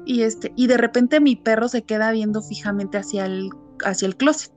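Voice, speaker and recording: Woman, Mexican accent, fairly high voice, chatty spooky storytelling, lots of fillers, faint music underneath. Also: moderate pace. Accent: Mexican Spanish. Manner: animated, many fillers, acts out quotes. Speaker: guest telling ghost stories. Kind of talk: casual storytelling chat.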